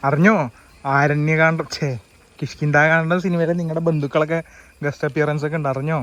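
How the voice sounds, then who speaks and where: A man's voice: on the high side, level tone, fast. A man doing a casual travel vlog outdoors, chatting as he walks and explains what he sees. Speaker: travel vlogger. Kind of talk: casual walking-tour vlog. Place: outdoors at a nature sanctuary. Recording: voice over loud background music.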